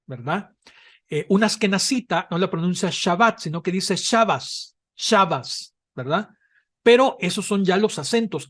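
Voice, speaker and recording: A man's voice: sits high, a bit bright. Patient male Hebrew teacher explaining step by step. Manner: patient, explanatory, often checks in with "¿verdad?" and fills pauses with "eh". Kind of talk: online class lecture.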